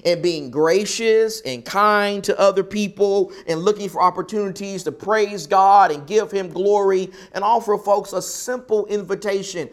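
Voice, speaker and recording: Southern us guy preaching a sermon, kinda high voice, repeats lines and pauses to drive them home. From American South. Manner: rhetorical repetition with emphatic pauses.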